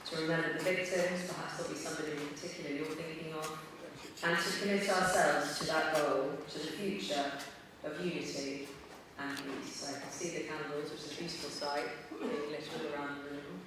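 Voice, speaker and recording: A man's voice: a little high, steady tone, brisk. A man hosting a memorial reception, speaking off the cuff to a room of guests and guiding them through a candle lighting. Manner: unscripted, with fillers and restarts, addressing the room. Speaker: event host. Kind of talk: live event hosting. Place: large dim reception hall. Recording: echoey hall, distant mic, audible room noise.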